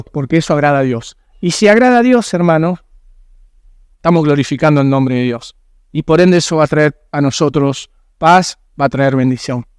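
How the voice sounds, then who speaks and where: A man's voice: a little high, a little mellow, clean tone, dry recording, studio quality. A man with a Rioplatense Spanish accent preaching a sermon as a pastor in a church, earnest and emphatic, asking rhetorical questions.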